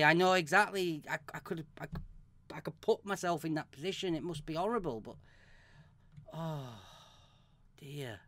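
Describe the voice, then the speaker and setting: A man commenting on a horror game he is playing, swearing often, shrieking when startled and reading on-screen text aloud. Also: on the high side. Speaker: let's play gamer. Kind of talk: let's play commentary. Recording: loud noise behind voice.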